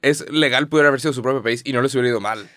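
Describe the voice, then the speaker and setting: A young man with a Mexican accent, co-hosting a podcast in a casual, slangy, animated way. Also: medium pitch, racing, no echo, studio quality. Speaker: podcast co-host. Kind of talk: casual chat.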